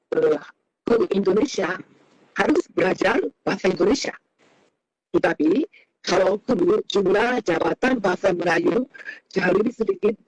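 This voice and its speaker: A man with a high voice and a Japanese accent speaks Indonesian as a foreigner. He lectures off the cuff with personal anecdotes, pausing often on hesitation sounds. The sound is close and dry, with little room echo. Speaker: professor giving a talk.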